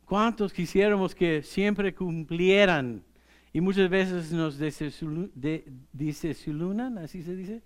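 A middle-aged male pastor, preaching in a relaxed, conversational way. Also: high voice. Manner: unhurried, conversational preaching with light laughs. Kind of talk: sermon.

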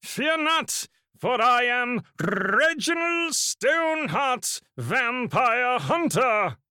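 A woman's voice: a little high, big pitch swings, extremely slow, sharp tone, slight background noise, full character voice. A woman voicing a pompous male vampire hunter who speaks in grand, old-fashioned formal phrases. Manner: pompous, archaic formal speech.

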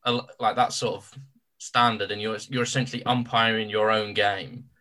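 A man's voice: fairly low pitch, little pitch movement, normal speed, bright, forceful tone. A man co-hosting a podcast, chipping in with wry jokes and explanations. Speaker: podcast co-host. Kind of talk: casual podcast chat.

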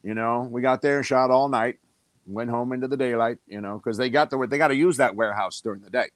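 A man's voice: mid-range voice, fast talker, no room sound. An older man, an actor guest, telling rambling anecdotes in a casual interview.

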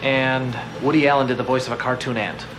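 A man's voice: medium pitch, fairly even intonation, fairly quick. Man in noisy comedy clip.

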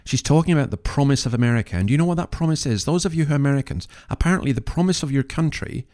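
A man's voice: mid-range voice, lively intonation, very fast, a little mellow. Earnest man giving opinionated commentary. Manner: emphatic, earnest, moralising, with rhetorical questions. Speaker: commentary podcast host.

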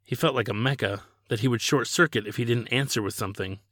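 A man's voice: mid-range voice, fast, a bit bright, dry recording. Man reading a novel aloud, dry sound. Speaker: author reading his novel. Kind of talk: audiobook narration.

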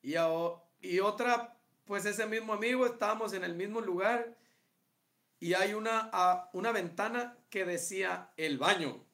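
A man's voice: sits high, measured pace, pushed and bright. A man with a Mexican accent, co-hosting a casual podcast, reading listener stories aloud and joking about them. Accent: Mexican Spanish. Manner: laughs often, reads aloud and jokes about the text. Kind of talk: casual comedic chat.

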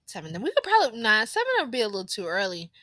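Woman podcast host, bright tone, dry close mic, chatty and laughs a lot. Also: medium pitch, racing, dry recording. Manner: laughs often, chatty and animated. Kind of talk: casual family chat.

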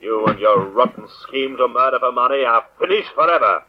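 An actor playing an ominous avenger who speaks for the dead in an old-time radio drama, with slow, theatrical, menacing proclamation. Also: male voice, medium pitch, lively intonation, close to an everyday voice. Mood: triumphant. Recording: dull old radio recording with music.

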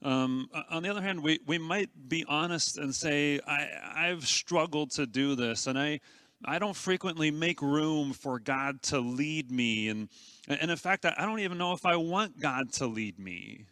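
A man delivers a sermon in an earnest, conversational way, often stumbling and restarting his phrases as he speaks. His voice has a bright, forward edge. It is recorded close and dry, with almost no room sound. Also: fairly high pitch, animated, unhurried, clear, resonant tone, no echo. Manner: earnest, conversational preaching with frequent stammered restarts. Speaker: pastor.

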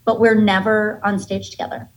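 Being interviewed as a podcast guest, this stand-up comic speaks with a mid-range voice, flat delivery and normal speed. She's an American in her thirties with roots in Massachusetts and Florida, and she's candid, chatty and jokingly playful. The recording is rough.

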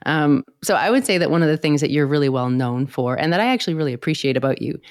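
A woman with a creaky, slightly hoarse voice, chatting casually and playfully as a podcast interviewer. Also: low voice, lively intonation, fast, no echo, studio quality. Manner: laughs easily, playful. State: hoarse from bronchitis. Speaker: podcast host.

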